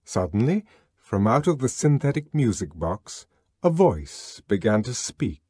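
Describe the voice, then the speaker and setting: Slow, expressive male audiobook narrator. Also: medium pitch, breathy edge, no room sound, clean studio sound. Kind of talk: dramatic audiobook reading.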